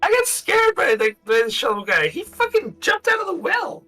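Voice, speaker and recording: A man game master voicing a frightened little girl character who makes excuses in a squeaky voice. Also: wildly swooping pitch, moderate pace, sharp tone, recorded from a distance, faint music behind, full character voice. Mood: scared. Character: scared defiant little girl NPC.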